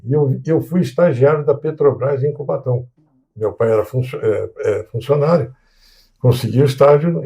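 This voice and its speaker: This interview guest is a civil engineer in his sixties whose Brazilian Portuguese accent comes from the São Paulo coast. Chatting casually, he looks back on the past in a warm, mid-pitched voice, hesitating and starting over again and again.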